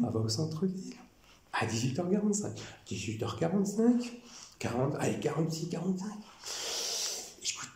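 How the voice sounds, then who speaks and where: A man from France talking to camera in a rambling, repetitive and animated way. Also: on the high side. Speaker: vlogger. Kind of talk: casual monologue. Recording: echoey room with faint noise.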